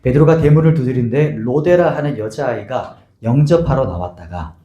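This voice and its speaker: A man's voice: mid-range voice, lively intonation, moderate pace, dark tone, highs cut off. A man preaching a sermon as pastor, asking his congregation question after question and leading them in reading scripture aloud. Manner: asks the congregation many rhetorical questions; acts out the scene with voices. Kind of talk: expository sermon. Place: church sanctuary. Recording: echoey church sanctuary.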